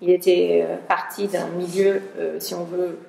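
A woman's voice: fairly low pitch, level tone, normal speed, vocal fry, a little mellow. A woman researcher giving a conference talk in a lecture hall. She often searches for words and restarts her sentences. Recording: roomy hall sound.

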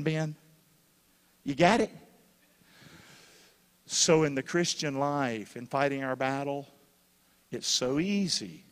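A man preaching a sermon as pastor, questioning his congregation and bursting into shouts when excited. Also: mid-range voice. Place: church hall. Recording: long reverb of a church hall.

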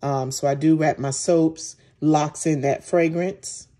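Woman, low pitch, slow pace, casual demonstration narration, relaxed manner. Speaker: soap maker and host. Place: indoors at home, at a work table.

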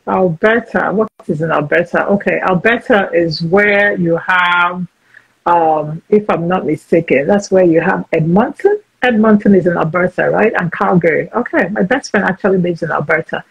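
This host, a woman in her forties, has a lowish, gravelly, husky voice and keeps a moderate pace. Her video-call interview is casual, frank and chatty, full of restarted sentences, and the sound is lo-fi.

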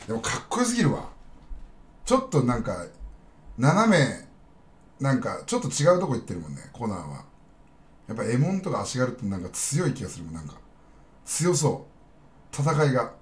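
A man's voice: medium pitch, huge pitch swings, a little fast, long pauses. A man chatting casually on a live stream, rambling bluntly and talking straight to his viewers.

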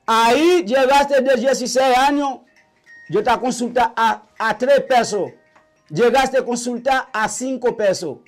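Older Haitian-accented man, high-pitched, halting and repetitive; vodou priest being interviewed. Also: faint music behind. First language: Haitian Creole. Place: small indoor shrine room.

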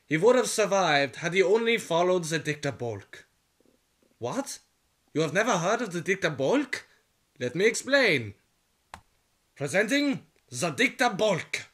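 Playing a stern, theatrical WWI flight instructor, a man declaims pompously in old-fashioned language, like the narrator of a vintage military training film. His voice sits on the high side and is fairly bright, with a slow, sing-song delivery and frequent pauses.

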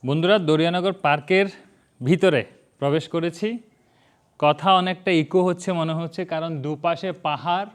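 A man's voice: on the high side, fairly even intonation, normal speed, clear, resonant tone. Male tour vlogger, raised voice with an echo off the surrounding hills. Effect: voice echoing off hills on both sides. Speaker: travel vlogger. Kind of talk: guided tour narration to viewers. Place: outdoors in a ravine between hills.

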